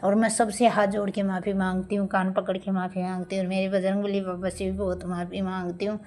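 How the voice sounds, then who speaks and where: A woman's voice: medium pitch, flat delivery, brisk, a little mellow, a little hiss or hum. A middle-aged woman giving an earnest devotional testimony and spoken prayer, pleading and repeating her address to the guru.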